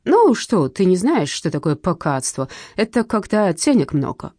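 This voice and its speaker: A woman voicing a melancholy male traffic cop with a Finnish accent, speaking slowly. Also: on the low side, big pitch swings, mellow, no room sound, clean studio sound. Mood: pensive. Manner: slow, melancholy, devoices consonants. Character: slow pensive Finnish traffic cop, man.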